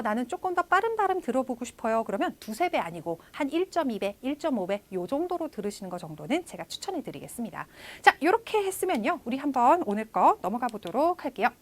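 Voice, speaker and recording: Animated woman teacher, high lively voice. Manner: lively, addresses viewers directly, starts phrases with a drawn-out "so". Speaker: English test instructor. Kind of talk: online lecture.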